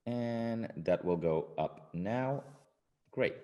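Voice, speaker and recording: A man with a very deep voice hosts a live interview. He keeps things casual and playful and teases his guests. He sounds relaxed and chatty. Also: extremely slow, lo-fi sound. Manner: playful, teasing. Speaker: interview host.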